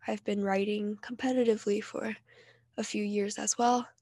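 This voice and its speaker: A teenage girl from New Jersey talks candidly and casually on her own podcast, her voice nasal from allergies. She speaks in a mid-range, mellow voice with a level tone at a normal speed. The sound is studio quality with no echo.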